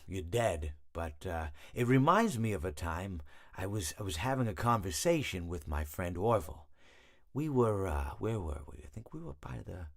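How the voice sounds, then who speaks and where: A long-winded animatronic hippo from a video game, genial and darkly blasé. His slightly deep voice rises and falls freely as he meanders through his storytelling. He hesitates and corrects himself, always in a rambling monologue. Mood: blasé condolence, then reflective, rambling.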